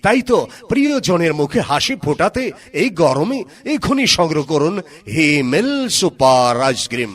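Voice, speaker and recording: A man's voice: a little high, very animated, moderate pace, a bit bright. A man with a Bangladeshi accent reading a scripted promotional ad in a chanting, repetitive salesman's patter. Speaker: advertisement announcer.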